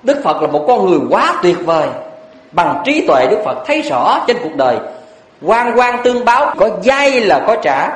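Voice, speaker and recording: A Buddhist monk giving a blunt, earnest dharma talk full of rhetorical questions. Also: male voice, high voice, big pitch swings, normal speed. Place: lecture hall. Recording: echoey hall.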